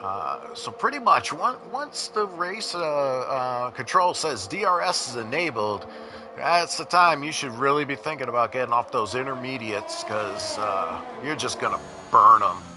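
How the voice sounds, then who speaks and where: A man's voice: mid-range voice, expressive, measured pace. A man with a New York accent commentating a sim race casually, with lots of fillers and restarts. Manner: casual, rambling, many fillers. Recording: noisy with engine sounds behind. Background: racing car engines.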